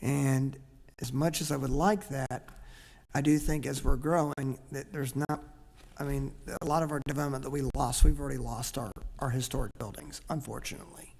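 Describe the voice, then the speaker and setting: A man's voice: mid-range voice, fairly even intonation, normal speed, vocal fry, darkish tone. A man on a charter commission, earnestly explaining his reasoning at length in a public meeting discussion. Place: large council chamber. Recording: echoey meeting room.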